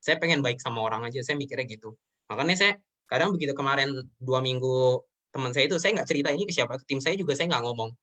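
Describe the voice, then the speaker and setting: A man's voice: mid-range voice, lively intonation, quick pace, pushed and bright. A man in his twenties talking earnestly and emotionally as an interview guest, often addressing the host as sir. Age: 20s. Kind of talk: earnest personal talk in an interview.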